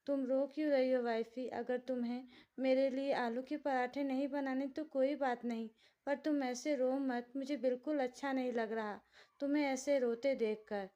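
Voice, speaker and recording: A woman voicing a childlike, innocent young husband who pleads and frets in a high, whiny way. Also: steady tone, moderate pace, dark tone, close to an everyday voice. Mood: anxious.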